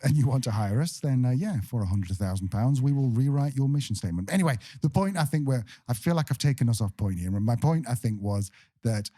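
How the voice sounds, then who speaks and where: A man's voice: medium pitch, lively intonation, fast, warm tone. A man co-hosting a podcast in casual chat, joking and playfully sarcastic. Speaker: podcast co-host.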